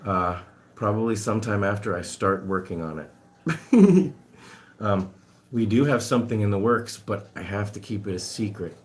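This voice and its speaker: Doing chores among his guinea pigs, a forty-something animal rescuer talks to his live-stream audience in a rambling, self-amused way. His voice is fairly low and expressive, at a moderate pace broken by frequent pauses.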